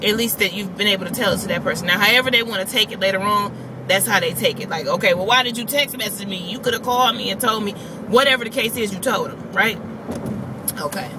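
A woman's voice: medium pitch, fast talker. Woman, 30s, car vlogger, casual and emphatic rant, phone mic on the dash, noisy background. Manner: chatty, emphatic, talks with her hands. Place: parked car, daytime. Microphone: phone camera on the dashboard. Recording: phone audio in a car with noticeable background noise.

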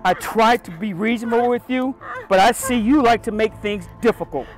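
An actor playing a firm, middle-aged off-duty police captain in a drama, with a commanding, measured and dry manner. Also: male voice, high voice, music in the background, natural voice. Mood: stern. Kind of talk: acted drama dialogue. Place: outdoor parking lot.

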